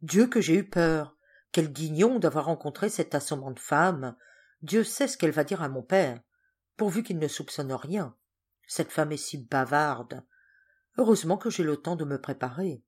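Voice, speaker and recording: Woman reader as a guilty young man caught out; flustered, halting replies. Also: low-pitched, animated, darkish tone, breathy edge, heavily acted. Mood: grumbling. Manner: flustered, stammering.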